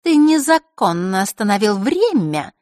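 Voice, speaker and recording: A sweetly scheming teenage girl, played by a woman narrator taunts in a high, sing-song voice that swoops all over. The audiobook recording is dry and close. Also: sing-song, a little slow, darkish tone, no echo. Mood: taunting. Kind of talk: audiobook character reading.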